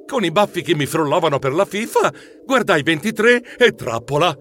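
A man narrating a children's storybook in an animated, dramatic way. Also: a little high, normal speed, slight background noise. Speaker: audiobook narrator.

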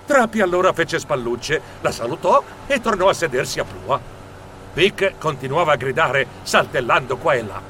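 A man narrates a children's story with theatrical flair. His voice is bright and lively, swinging widely in pitch, and sits a little high for a man. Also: moderate pace, a little hiss or hum. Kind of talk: expressive audiobook narration.

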